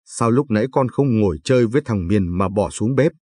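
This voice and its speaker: A man's voice: fairly low pitch, lively intonation, fairly quick, warm tone, husky, no room sound. A man voicing a kindly old village grandfather in a told story, talking in a patient, advising way. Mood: questioning.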